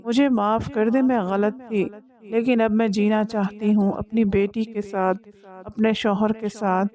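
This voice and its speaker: A young mother in a narrated story pleads and weeps, asking to be forgiven, as a woman reading it voices her. The tone is mellow and soft rather than bright. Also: medium pitch, level tone, close to an everyday voice. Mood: pleading. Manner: tearful, imploring.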